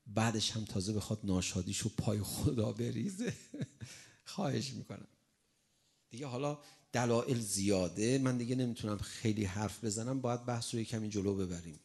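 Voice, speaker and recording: A man preaching a sermon in an animated way, acting out a crying child and the replies to it. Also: fairly low pitch, gravelly, breathy edge.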